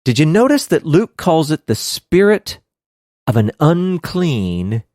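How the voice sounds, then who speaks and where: Guy hosting a bible study podcast, super expressive voice, keeps cracking himself up, dead dry sound. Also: fairly high pitch, takes it slowly, no echo. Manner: animated, laughs often, hammy outbursts. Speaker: podcast co-host teaching scripture. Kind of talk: casual Bible study discussion.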